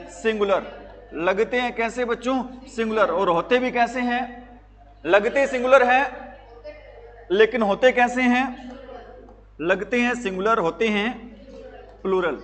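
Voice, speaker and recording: A male teacher with a very high-pitched voice runs a grammar lesson, firing the same questions again and again at his class. His voice rings with a long reverb, as if it was caught in a large hall. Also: a little slow, long pauses, fairly bright tone. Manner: quizzing students with repeated questions.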